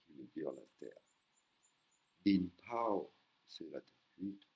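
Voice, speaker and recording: Low voice guy teaching a lesson, slow and patient, says words twice, kinda lo-fi dull audio. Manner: patient, repeats words slowly for learners. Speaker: Thai language teacher. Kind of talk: explaining a language lesson.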